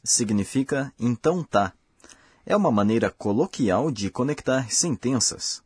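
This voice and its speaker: A man hosting a language course, giving slow, careful, scripted explanations. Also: mid-range voice, animated, a little mellow, breathy edge, no echo, studio quality. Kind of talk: scripted lesson narration.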